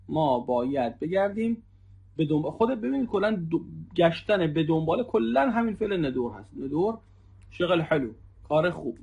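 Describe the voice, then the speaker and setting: A man in his thirties with a slightly high, gravelly voice and a husky edge, teaching a language lesson as a native Persian speaker. He repeats each phrase and slows down to drill new words. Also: a little mellow. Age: 30s. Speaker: Arabic teacher.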